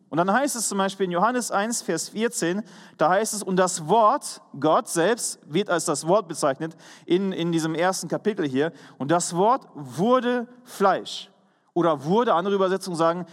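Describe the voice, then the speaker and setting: A man delivers a sermon in a high, earnest voice, stressing his points and sometimes restarting a phrase. His words ring out with the long reverb of a church hall. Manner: earnest, emphatic preaching with pauses and self-corrections. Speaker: preacher.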